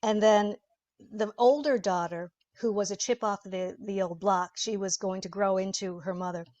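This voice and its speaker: Interview guest: woman voice actor, mid-pitched, chatty and explanatory. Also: fairly even intonation, normal speed, darkish tone. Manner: chatty, explanatory, laughs often. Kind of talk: interview conversation.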